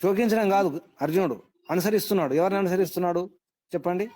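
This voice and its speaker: A man's voice: sits high, very fast, a little mellow, no room sound. A man teaching a scripture class, quizzing his students and repeating his points for emphasis. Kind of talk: interactive class lecture.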